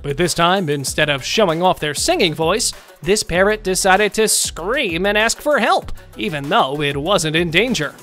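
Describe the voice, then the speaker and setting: Lively, sing-song countdown narrator. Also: medium pitch, moderate pace, few pauses, music in the background.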